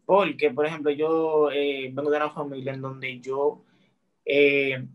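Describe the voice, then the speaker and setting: A 19-year-old man with a Dominican accent, a guest chatting in a relaxed, friendly way on a video-call interview. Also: on the high side, unhurried, dull audio. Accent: Dominican Spanish. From Dominican Republic. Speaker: guest TikToker. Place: small room indoors.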